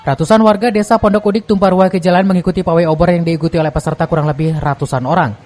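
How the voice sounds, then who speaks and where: A man's voice: high voice, steady tone, racing, darkish tone. A man narrating a scripted news report as a reporter.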